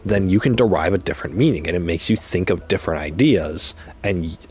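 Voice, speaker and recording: A man's voice: deep voice, brisk, a little mellow, a little hiss or hum. A young man streaming a game, talking casually and rambling through an explanation with examples and restarts. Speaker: gaming streamer. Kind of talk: casual commentary while gaming.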